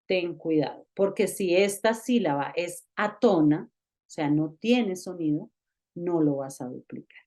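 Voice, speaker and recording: A woman with a mid-range, darkish voice teaches an English grammar lesson online. She patiently walks through each rule step by step, checking in with the learner often.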